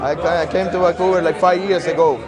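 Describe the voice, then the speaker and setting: A man's voice: high voice, fairly even intonation, fairly quick, loud music behind the voice. A man from Cuba with a Cuban Spanish accent, a musician talking casually in an interview and often repeating his words.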